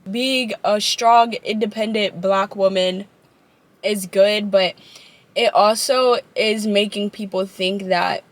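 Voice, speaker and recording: A woman's voice: mid-range voice, steady tone, slow, no echo, low-quality recording. A young adult woman chatting casually to her followers in a laid-back, slangy stoner way, as a vlogger. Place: inside a parked car, later a room at home.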